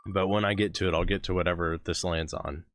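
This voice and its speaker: A man's voice: low-pitched, steady tone, fast, a bit bright. A man who is losing his voice, hosting a music reaction live stream and chatting casually with viewers, rambling and laughing between thoughts. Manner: rambling, self-interrupting, laughs often.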